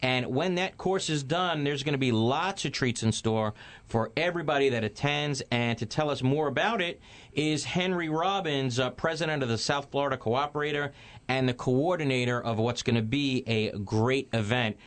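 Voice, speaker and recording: A man's voice: mid-range voice, normal speed. A man hosting a call-in radio talk show, addressing listeners and interviewing guests. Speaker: radio host, attorney.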